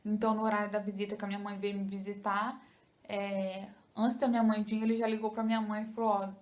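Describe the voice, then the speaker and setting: A young Brazilian woman, a first-time mother and vlogger, chats casually to her viewers on camera, calling them "gente" and adding "tá?". She has a Brazilian Portuguese accent and a medium-pitched, level voice, and she talks fast.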